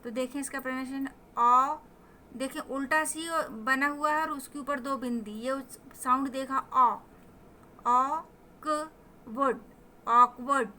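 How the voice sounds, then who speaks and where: A high, bright-voiced woman leads a vocabulary lesson at an unhurried pace. She stretches out each word slowly to show how it is pronounced, then explains what it means. A faint hiss of background noise sits under her voice. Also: steady tone. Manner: slow, drawn-out word pronunciations, mixing Hindi explanations with English definitions. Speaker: teacher. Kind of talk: vocabulary lesson with pronunciation drills.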